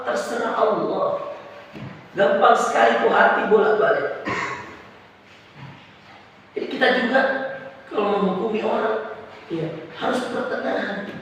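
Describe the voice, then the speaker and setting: Lively preacher in a big echoing mosque. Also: male voice, sits high, distant mic. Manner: lively, swings between loud exclamations and hushed asides. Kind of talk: sermon. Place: large mosque hall. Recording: echoey hall, voice from afar, faint noise.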